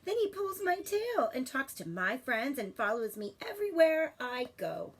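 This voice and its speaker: A woman voicing a sad, jealous little boy raccoon in a storybook, with a plaintive, tearful, drawn-out voice. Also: high voice, big pitch swings, husky, voice pushed up, exaggerated voice. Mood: aggrieved.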